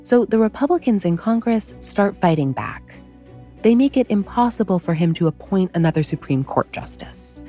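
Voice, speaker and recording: Mellow-voiced woman narrating history. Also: mid-range voice, lively intonation, normal speed, faint music behind. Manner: wry, conversational storytelling. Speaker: podcast host.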